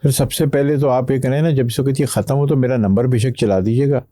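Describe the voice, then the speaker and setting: A middle-aged man from Pakistan, a company CEO, answering interview questions slowly, pausing to think before he speaks. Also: medium pitch, steady tone, warm tone, no echo. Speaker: guest, tech company CEO. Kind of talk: podcast interview.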